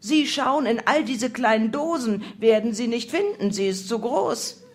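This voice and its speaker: A woman voicing a woman who poses as a Swedish maid, speaking in halting, broken German. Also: on the high side, expressive, voice pushed up. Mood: feigned innocence.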